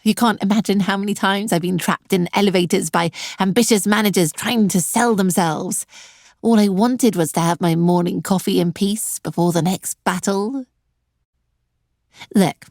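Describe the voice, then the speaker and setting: Speaking straight to her viewers with a dry, sarcastic edge, a middle-aged woman runs an online career webinar as host and coach. Her voice is medium-pitched and a little mellow, with no echo.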